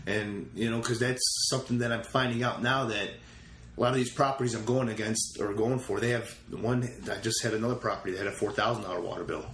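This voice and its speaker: Fast and fairly even in intonation, a man's fairly low, slightly bright voice carries a casual storytelling interview. He's a real estate investor guest who relates his experiences and quotes back his conversations. The recording picks up roomy echo and faint ambient sound.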